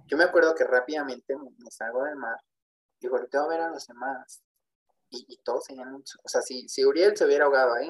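A man's voice: medium pitch, poor audio. Earnest man telling his story. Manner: earnest, storytelling with many tag questions and repetitions. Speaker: podcast guest. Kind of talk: personal faith testimony.

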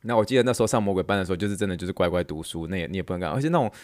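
Taiwanese guy podcast host, rattles off a story quick, dry close mic, acts out the shouting bits. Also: low-pitched, no room sound. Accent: Taiwanese Mandarin. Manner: animated, acts out shouted slogans in quotes. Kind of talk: casual storytelling chat.

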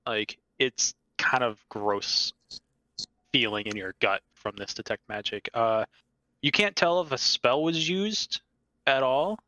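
Bright-voiced male game master. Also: medium pitch, slow pace, dry recording, muffled recording. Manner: casual, filler-heavy, laughs easily. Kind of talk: narrating a tabletop game.

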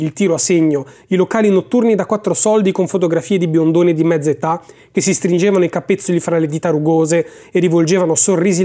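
An audiobook narrator giving a measured, expressive reading of a novel chapter. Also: mid-range voice.

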